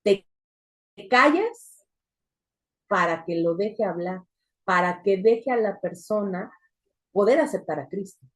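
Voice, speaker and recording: A woman's voice: medium pitch, unhurried. A woman teaching a church women's group, telling a deliverance story with sudden emphatic rises. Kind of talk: testimony teaching.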